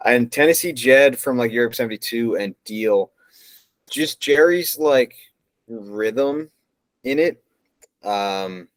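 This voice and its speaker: A man's voice: medium pitch, slow pace, pauses often, no room sound. A man chatting casually about songs, hesitant and full of fillers and restarts. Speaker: co-host ranking songs. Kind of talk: casual chat.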